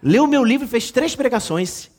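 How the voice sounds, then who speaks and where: A middle-aged bishop delivers a sermon full of comic family anecdotes. His voice sits high for a man and leaps all over the place, playful one moment and bursting into loud exclamations the next. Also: expressive, normal speed. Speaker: bishop preaching.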